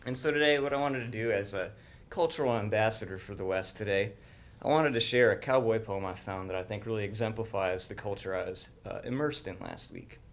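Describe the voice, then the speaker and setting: A man's voice: lowish voice, a little fast, few pauses. A man giving a humorous speech to a club, speaking in a dry, mock-earnest way.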